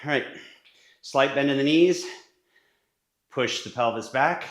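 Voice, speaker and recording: A man's voice: mid-range voice, unhurried. A man giving casual workout instruction in his home gym, now and then short of breath, sometimes moving away from the camera mic. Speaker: fitness coach. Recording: echoey home gym room.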